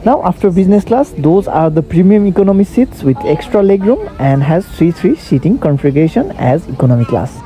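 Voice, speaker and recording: A woman's voice: lowish voice, very animated, fairly quick, few pauses, warm tone. A woman narrating a travel vlog in a plain, matter-of-fact, scripted way. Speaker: travel vlogger.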